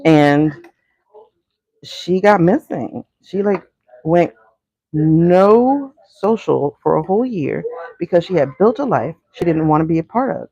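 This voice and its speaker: A woman with a husky morning voice chats casually to her viewers while cooking, giving business coaching and calling them y'all. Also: lowish voice, expressive, measured pace, warm tone, dry recording, highs cut off. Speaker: brand coach. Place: home kitchen, cooking.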